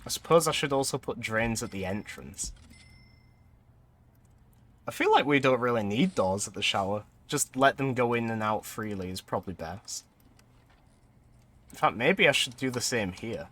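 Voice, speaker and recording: A man thinking aloud as he plays a building game, rambling in a relaxed, conversational way. His voice sits in a middle pitch for a man, and his talk is broken by frequent chuckles and self-directed questions. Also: measured pace, pauses often. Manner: chatty, thinks aloud, laughs often. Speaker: streamer. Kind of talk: casual gameplay commentary.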